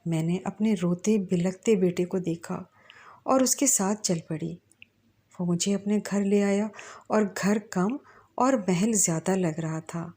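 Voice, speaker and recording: A woman's voice: mid-range voice, warm tone, husky. A young adult woman narrating an emotional first-person story.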